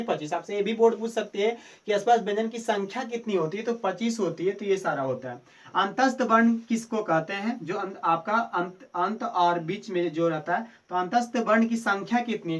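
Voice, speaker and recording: Man drilling students, far from the mic. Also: high-pitched. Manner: asks questions then answers them himself; repeats key answers for drilling. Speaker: teacher. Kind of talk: Hindi grammar lesson for board exam students.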